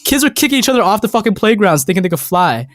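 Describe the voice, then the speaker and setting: A man co-hosting a podcast, telling childhood stories in a loud, excitable way and swearing constantly. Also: high voice, fast, no echo. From North America. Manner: excitable storytelling, heavy swearing. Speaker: podcast co-host. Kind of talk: casual podcast chat.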